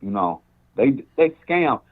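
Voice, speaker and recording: A man's voice: mid-range voice, sing-song, takes it slowly. A man who is a bishop, calling in over a cell phone speakerphone, talking in a rambling, preacherly way and quoting scripture. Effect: speakerphone on a cell phone call. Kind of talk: casual talk over the phone.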